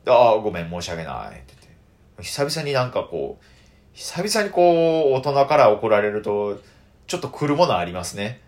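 Young man, Kansai accent, solo radio talk, animated pitch swings, chatty with fillers. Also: normal speed. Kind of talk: casual solo monologue.

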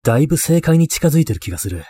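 A man voicing an eccentric, obsessive male occult enthusiast in a ghost story, terse, low-key and matter-of-fact. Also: very animated, racing, mellow, slightly rough, no echo. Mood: absorbed, deadpan. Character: eccentric, obsessive male occult-loving mentor, deadpan and wistful.

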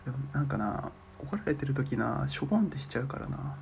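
A young man in his twenties telling short comic bits on his own podcast. His delivery is deadpan and self-mocking. He drops to murmured asides for his inner thoughts, at an ordinary middle pitch. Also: fast, vocal fry, slight background noise. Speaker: solo podcaster. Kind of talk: comic monologue.

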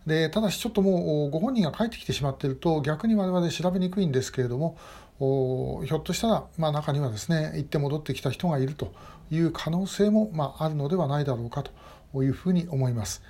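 A man's voice: on the high side, dark tone. A middle-aged man hosting a short message broadcast, speaking casually and with many hesitation fillers, recorded on a camera. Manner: measured, with frequent hesitation fillers. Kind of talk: casual spoken commentary. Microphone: phone or webcam video selfie.

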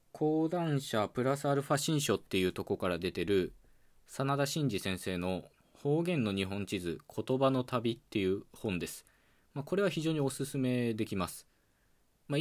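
A man from Okayama with an Okayama accent, hosting a calm solo talk show and explaining things in a relaxed, chatty way with fillers. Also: on the low side. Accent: Okayama dialect. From Okayama, Japan. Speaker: podcast host.

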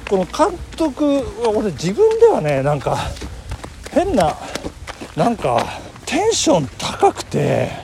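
A man hosting a casual chat while running, upbeat and quick to chime in with agreement. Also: high-pitched, huge pitch swings, gravelly. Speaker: host interviewing a friend. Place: outdoors, on a winter run. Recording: noisy outdoor recording on the move.

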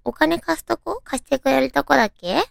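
High, cute anime-girl voice, woman radio host. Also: expressive, brisk, vocal fry, no echo, clean studio sound. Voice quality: cute, girlish anime-character voice, naturally so. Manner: cutesy, playful, talking to listeners as friends. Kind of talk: chatty solo radio talk.

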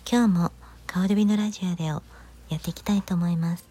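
A woman with a Kanto-style Japanese accent hosts her own casual solo chat. Her voice sits low and sounds husky and breathy, often sinking toward a whisper. She talks unhurriedly with frequent hesitant fillers. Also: fairly even intonation, quick pace. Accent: Kanto-style Japanese, switching from Kansai. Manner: soft, half-whispered delivery with frequent hesitations. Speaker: host of her own talk channel.

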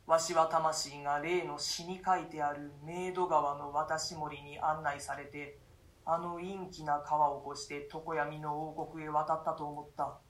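A voice actor, in a radio reading of a classic play, gives voice to a grave male duke locked away and tormented by a nightmare, telling it in archaic, solemn fashion with fearful gasps. The natural, medium-pitched voice is level, a bit slow and somewhat bright. The recording is rough and roomy.

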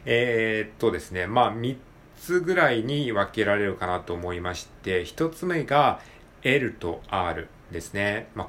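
A man hosting his own podcast, talking alone in a polite, relaxed way with many drawn-out fillers. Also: fairly low pitch, a little hiss or hum. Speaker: podcast host. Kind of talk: casual solo podcast talk.

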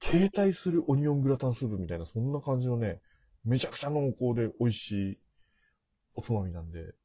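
A middle-aged man with a rough, gravelly voice, chatting casually as a podcast guest. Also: mid-range voice, sing-song, quick pace, warm tone, dry recording. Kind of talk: casual chat. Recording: dull, muffled lo-fi audio.

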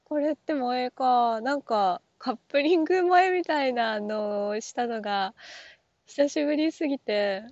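High-voiced woman rambling into her phone. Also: measured pace, darkish tone, no echo, muffled recording. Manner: rambling, full of fillers and self-questions. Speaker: app talk show host. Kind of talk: casual solo monologue.

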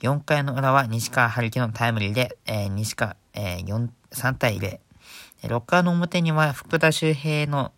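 Hushed man chatting on a solo talk show. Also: medium pitch, measured pace. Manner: chatty, filler-heavy, giggles at own jokes; hushed, holding back volume for a late recording. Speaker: podcast host. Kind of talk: casual solo radio talk. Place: indoors at night, keeping quiet.

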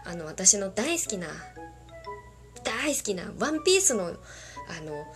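A woman chatting on her podcast, her pitch jumping around with a lively, bouncy intonation. She is playful and a little self-conscious, giggling between listener requests as soft music plays underneath. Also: unhurried. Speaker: podcast host. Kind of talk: casual talk reading listener requests. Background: faint background music.

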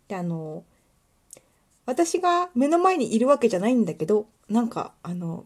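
Chatty woman from kuwana, lively pitch. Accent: Kuwana dialect. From Kuwana, Mie, Japan. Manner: chatty, rambling, many fillers, light self-deprecating laughs. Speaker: podcast host. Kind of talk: casual solo radio talk.

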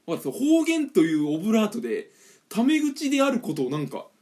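With a voice that sits high and a fairly quick pace, a Kanto-born man co-hosts a casual podcast. His storytelling is lively and ranting, complete with impressions of customers.

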